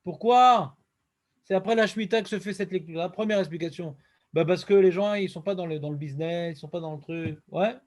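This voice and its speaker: In a brisk Talmud lesson, a male rabbi with a high voice teaches in a lively way, full of questions. He chants Hebrew verses as he quotes them.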